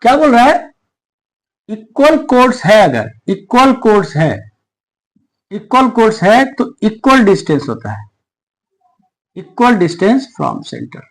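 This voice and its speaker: A man with a high voice teaches a maths class. His pitch rises and falls a lot as he explains. He keeps checking whether his students follow him. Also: very animated, slow, pauses often, rough recording. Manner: explains step by step, asks the class questions. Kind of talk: whiteboard maths lesson.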